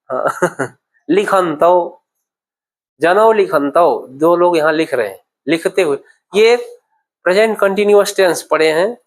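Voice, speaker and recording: Man teaching a class, high voice, very slow and patient, repeats each word. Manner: patient, repeats words slowly, asks "okay?" often. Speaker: Sanskrit teacher. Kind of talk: classroom grammar lesson. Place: classroom at a temple centre.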